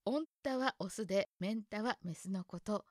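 A woman's voice: mid-range voice, normal speed, dry recording, studio quality. A young woman from Hokkaido hosting a casual solo talk show, chatting and musing aloud about words with a light laugh now and then. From Hokkaido, Japan. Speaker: podcast host.

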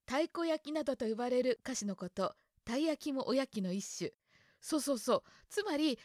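A woman's voice: high-pitched, no echo, clean studio sound. A young woman from Hokkaido hosting a casual solo talk show, chatting and musing aloud about words with a light laugh now and then. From Hokkaido, Japan. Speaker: podcast host.

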